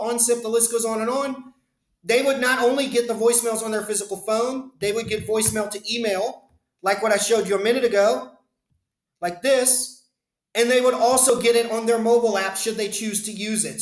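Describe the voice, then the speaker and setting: A man whose voice sits high sounds reverberant as he demonstrates voicemail to email over screen share. He is a business phone system consultant, seen in a webcam inset in an indoor room, explaining conversationally and speaking directly to viewers.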